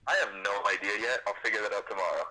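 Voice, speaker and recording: A man's voice: lowish voice, rapid-fire, sharp tone, rough recording. A man talking over a phone on speakerphone, a friend calling in with laid-back, dry joking. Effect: heard over a phone on speakerphone. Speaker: friend calling in to a live stream. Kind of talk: casual phone chat.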